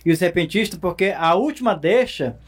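A man's voice: high voice, animated, a little fast, husky. Eager man chiming in. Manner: eager, chimes in and finishes the other's sentences. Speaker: interviewer and cordel writer. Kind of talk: casual conversation.

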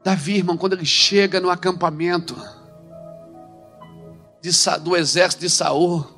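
High-voiced preacher, emphatic. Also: male voice, steady tone, moderate pace, faint music behind. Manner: emphatic, swings from soft to shouting. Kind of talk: sermon. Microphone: handheld microphone.

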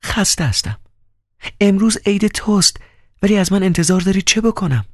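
A man's voice: sits high, lively intonation, no room sound, clean studio sound, pitched above the performer's own voice. Haughty cold young woman, as a man puts her on. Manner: biting, haughty, coquettish. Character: proud, cold young woman, teasing and aloof. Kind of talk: audiobook character voice.

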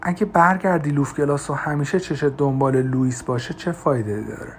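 A man voicing a calm, confident woman friend who talks gently and reassuringly in an audiobook. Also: mid-range voice, a little hiss or hum, lightly acted. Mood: gentle.

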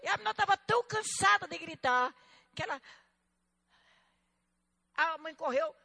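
A woman teaching a fervent Bible school lesson, telling stories emphatically and moving between loud exclamations and quiet asides. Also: extremely high pitch, animated, moderate pace, vocal fry. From Northeastern Brazil.

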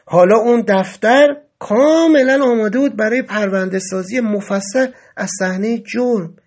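A man's voice: sits high, a little mellow. A man narrating a first-person dramatic story in a vivid, emotional telling. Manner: dramatic, rising to agitated outbursts in quoted speech.

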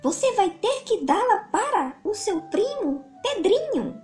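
A kindly storybook mother bear, voiced by a woman storyteller with a Brazilian accent. The voice is high and lilting, swinging up and down in a sing-song way, with music along. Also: very animated, a little slow, a little mellow, heavily acted. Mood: gently firm.

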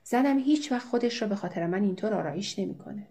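A gruff middle-aged farm boss, as a woman narrator puts him on talks in blunt, loud lines pitched a little above her reading voice. The tone stays mellow and rounded rather than harsh, fitting an audiobook scene. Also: expressive, natural voice. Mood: wry.

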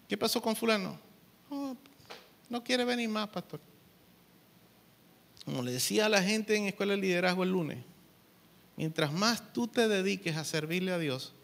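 A man delivers a Sunday sermon as pastor. His voice sits high and sounds bright and forceful. He preaches conversationally, pausing to ask whether his listeners understand. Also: vocal fry. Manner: conversational preaching, often checks the congregation understands.

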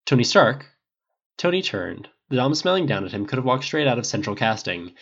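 A man narrating a fan-fiction audiobook in an expressive, wry way, on a dull lo-fi recording. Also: mid-range voice, brisk.

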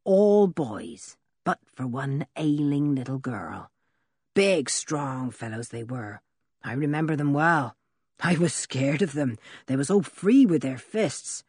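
A woman voicing an old male village blacksmith who tells a story slowly and in a rustic way, with a husky voice. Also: very deep voice, animated, a little mellow, no echo, studio quality, heavily acted. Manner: slow, drawn-out, rustic storytelling. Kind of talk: audiobook character reading.

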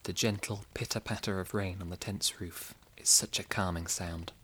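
Male sleep-story narrator, deep low register, slow soothing delivery. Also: fairly even intonation, a bit bright, a little hiss or hum.

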